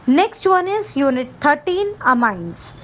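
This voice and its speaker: A woman with an Indian English accent talks students through a chemistry syllabus, moving between Hindi and English. Her voice sits high and her pace is very slow and careful as she reads out one topic after another. A faint hiss runs under the recording. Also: very animated, rough recording. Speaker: chemistry teacher. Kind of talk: syllabus walkthrough lesson.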